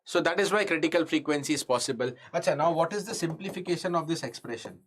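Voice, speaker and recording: In this live online lesson, a man with a North Indian accent prepares students for engineering exams, explaining things one step at a time. He speaks quickly in a fairly high, expressive, slightly rough voice. Mixing Hindi into his English, he keeps repeating important phrases and asking the class questions.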